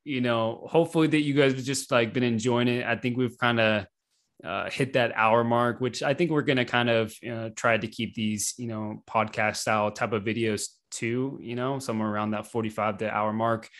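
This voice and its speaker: A man co-hosting a casual podcast chat over a video call, relaxed and rambling with lots of fillers. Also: medium pitch, moderate pace. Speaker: podcast co-host. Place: home computer setup.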